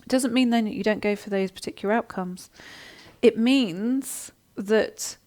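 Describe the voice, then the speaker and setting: A woman with a slightly high voice keeps a measured pace as she leads a live online coaching session. She reads viewer comments and answers them casually, warm-hearted and chatty, often saying um and restarting her sentences.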